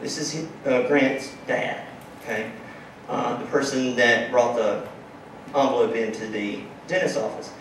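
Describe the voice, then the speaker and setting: A man's voice: medium pitch, steady tone, a little slow, fairly bright tone, slight background noise. A man telling his startup story in a conference talk, emphatic and punctuating his points with "okay?". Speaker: startup founder giving a talk. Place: large conference room with audience. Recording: very echoey hall, distant mic.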